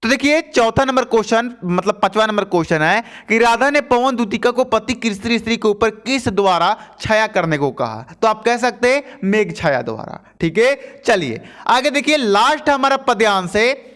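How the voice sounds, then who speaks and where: A man's voice: sits high, expressive, moderate pace, fairly bright tone. A young man teaching an exam-prep lesson, explaining Hindi poems in a chatty way and checking in with his students. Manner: chatty, addresses students as bhaiya, repeats "theek hai" often.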